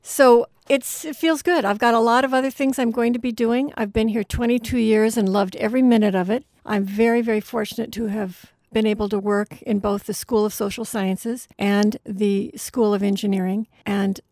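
Guest: upbeat woman in her sixties, bright, slightly high voice, very dry close sound, chatty with "uh" fillers. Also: steady tone, moderate pace, hardly any pauses, no room sound. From Wyoming, USA. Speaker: retiring university administrator, guest. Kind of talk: casual radio interview.

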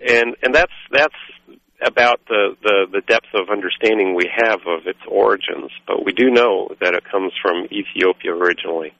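Deep-voiced man from Guatemala, rambling. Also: gravelly, fairly bright tone, no room sound. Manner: rambling, halting, full of fillers. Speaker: coffee roaster, guest. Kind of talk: radio interview. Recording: dull lo-fi radio sound.

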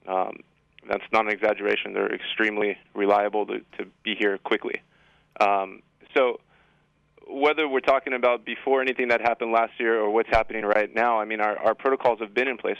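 A high school assistant principal, appearing as an interview guest, explains things with assurance. His voice is lowish, creaky and a little bright, and the recording is muffled but free of room sound.

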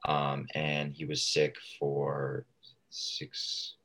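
Low-voiced man chatting casually as a guest. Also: monotone, fairly bright tone. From Southern California. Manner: informal, rambling, halting phrasing. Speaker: radio show guest, fitness coach. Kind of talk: casual interview chat.

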